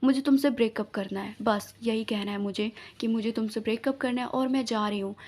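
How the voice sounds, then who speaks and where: A woman's voice: a little high, steady tone, fairly quick, a little mellow, close to an everyday voice. A woman voicing a young woman who speaks curtly and dismissively to her girlfriend in a storybook tale. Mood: cold. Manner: curt, dismissive.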